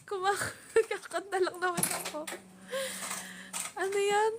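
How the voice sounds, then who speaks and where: A woman's voice: extremely high pitch, fairly even intonation, slow, background noise. A woman with a Filipino accent hosting a casual live stream from home, giggling and chatting as she reads viewer comments into her phone. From Philippines. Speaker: livestream host.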